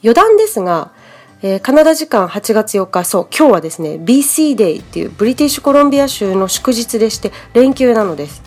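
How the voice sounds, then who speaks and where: A woman's voice: on the high side, big pitch swings, quick pace, a little mellow, soft background music. A woman from Japan hosting a podcast English lesson, explaining in a friendly, chatty way. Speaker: English teacher, podcast host.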